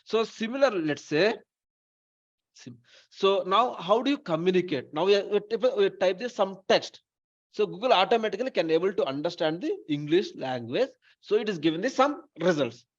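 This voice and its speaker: Male instructor, Telugu accent, somewhat high pitch, repetitive question-and-answer lecturing, dull lo-fi recording. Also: animated, moderate pace. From Telugu-speaking region of India. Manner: repeats phrases, poses questions then answers them himself. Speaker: data science instructor. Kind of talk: informal live class with questions to students.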